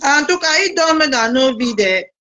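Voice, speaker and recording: Woman vlogger, higher-pitched, playful and teasing in casual talk. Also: expressive, normal speed, pushed and bright. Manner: teasing, playful, chatty to viewers. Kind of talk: casual live video chat.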